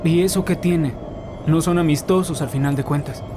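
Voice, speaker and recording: A man voicing a desperate captive who is losing his mind in an animated horror parody. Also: a little high, moderate pace, natural voice. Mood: apologetic. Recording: loud music behind.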